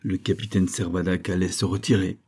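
A man narrating a classic novel as an audiobook in a measured storytelling manner. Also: low-pitched, little pitch movement, a little mellow, breathy edge.

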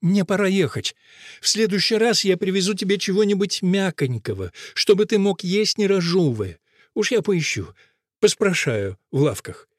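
A man reading an audiobook, voicing a weary, patient old man who mutters and tries to calm his friend. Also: sits high, moderate pace, no echo, studio quality, pitched above the performer's own voice. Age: older. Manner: muttering, calming.

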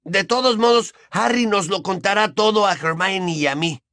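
A man's voice: high voice, normal speed, sharp tone, no room sound, studio quality, pitched above the performer's own voice. A man reading an audiobook, voicing a whiny, vehement teenage boy who protests. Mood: protesting.

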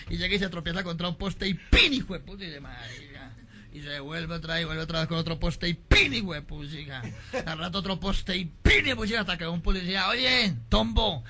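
High-voiced joke teller. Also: male voice. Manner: lively storytelling that breaks into shouts and laughter. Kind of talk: live joke telling. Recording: noisy live recording.

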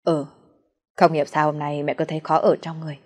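A woman's voice: sits low, flat delivery, quick pace, a little mellow. A woman voicing a worried middle-aged mother pleading over the phone. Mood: anxious. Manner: anxious, pleading.

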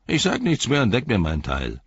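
A man's voice: medium pitch, wildly swooping pitch, moderate pace, vocal fry, slightly rough, dull audio, voice pushed up, heavily acted. A man voicing a small, sullen orc tracker who growls and gripes. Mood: griping. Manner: growling, resentful griping.

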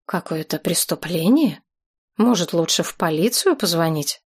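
A woman voicing a calm, polite middle-aged man who speaks in an unruffled, soothing way. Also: fairly low pitch, moderate pace, slightly rough, voice pushed down, exaggerated voice.

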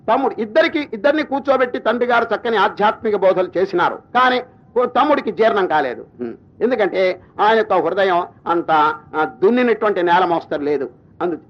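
Teacher, man, spiritual discourse; chants verses slowly, questions the audience; muffled recording. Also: high-pitched. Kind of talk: religious discourse. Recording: dull lo-fi recording.

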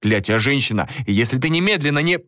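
Give me a man doing a bold, commanding ex-king barking urgent orders in a lively, raised voice. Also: mid-range voice, fairly quick, no echo, studio quality.

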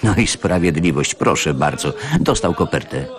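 A man's voice: extremely low pitch, lively intonation, normal speed, a crowd in the background. An actor reading an indignant, aggrieved middle-aged male factory worker in a radio story. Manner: indignant, pleading.

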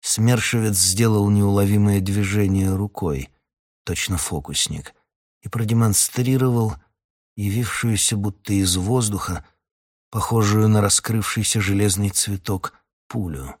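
Husky low-voiced male audiobook narrator. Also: measured pace, darkish tone.

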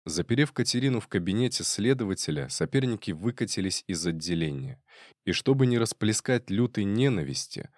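A man narrating a crime story in a measured, dramatic reading. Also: lowish voice, darkish tone, no room sound, clean studio sound. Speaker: audiobook narrator.

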